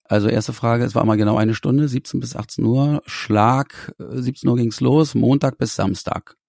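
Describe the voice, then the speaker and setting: Gravelly guy talking about his music, lively, keeps restarting sentences, dry sound. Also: medium pitch, normal speed, no room sound. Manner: animated, searching for words with restarts. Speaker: musician guest. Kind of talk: conversational interview answers.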